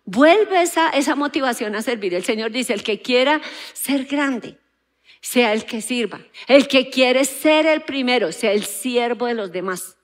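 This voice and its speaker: A woman preaches in an auditorium, her voice sitting a little high. She asks the audience questions and acts out the quotes in her story. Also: lively intonation, unhurried. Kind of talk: sermon.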